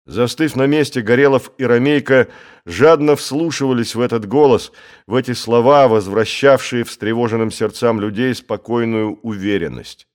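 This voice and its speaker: A man giving a steady, measured scripted narration of an adventure novel. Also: mid-range voice.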